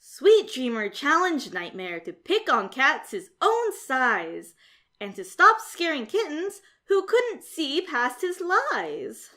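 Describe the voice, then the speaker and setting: A woman narrates a rhyming children's storybook aloud in a high-pitched voice, with a theatrical, expressive, and measured reading.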